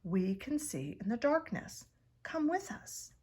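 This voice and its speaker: A woman's voice: a little high, very animated, takes it slowly, mellow, husky, heavily acted. Woman voicing a tender storybook mother bat. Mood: reassuring. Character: tender, reassuring mother bat, grown female.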